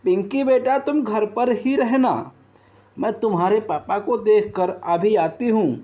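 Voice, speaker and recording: Guy doing a high weepy mama bird in a cartoon, slow and pleading. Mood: tender. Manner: wailing, pleading. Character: grieving widowed female bird, a mother. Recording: dull lo-fi.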